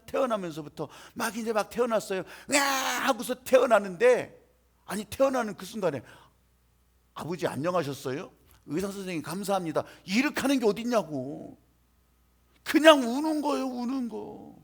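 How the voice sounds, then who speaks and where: A male pastor preaching an emotional sermon, swinging between loud exhortation and hushed, quiet passages. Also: very high voice. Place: church sanctuary.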